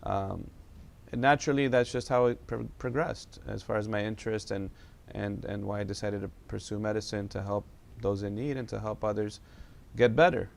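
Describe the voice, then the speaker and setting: A man's voice: lowish voice, steady tone, normal speed, creaky. A young man from South Florida, a medical doctor, answers questions in a studio interview, speaking hesitantly with many fillers and restarts. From South Florida, USA. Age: young adult.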